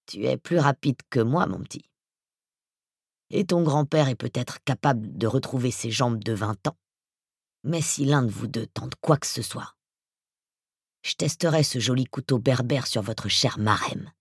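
A narrator voicing a hulking middle-aged male villain, who talks in a soft, slow, threatening way with a hollow, hissing voice. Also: mid-range voice, gravelly, breathy edge, no room sound, studio quality. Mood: quiet menace. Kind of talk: audiobook character voice.

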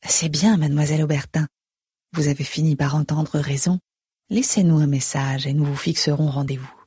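Disguised male voice on an answering machine, muffled as through a tube, cold and low, as a woman narrator puts it on; dry, close sound. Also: fairly even intonation, normal speed, mellow, husky, no echo. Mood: menacing. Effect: muffled, as if spoken through a cardboard tube. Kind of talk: audiobook narration.

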